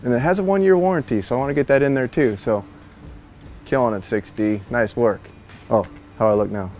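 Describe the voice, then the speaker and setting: A man's voice: medium pitch, brisk, darkish tone, soft background music. A man in his thirties in a warehouse, giving a chatty, jokey product walkthrough on a lapel mic and laughing at his own slips. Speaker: store product reviewer. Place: large warehouse, indoors.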